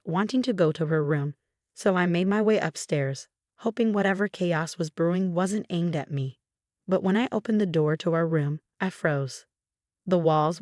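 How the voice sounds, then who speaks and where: A woman narrating a first-person story in a steady, even storytelling manner. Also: fairly low pitch, no room sound, clean studio sound.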